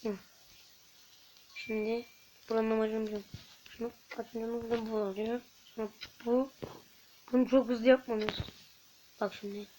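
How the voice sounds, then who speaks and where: Woman, high voice, let's-play commentary, excitable, yells when frustrated. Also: moderate pace, long pauses, a little hiss or hum. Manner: excitable, bursts into frustrated shouts; chatty, talks to viewers while playing. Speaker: gaming YouTuber.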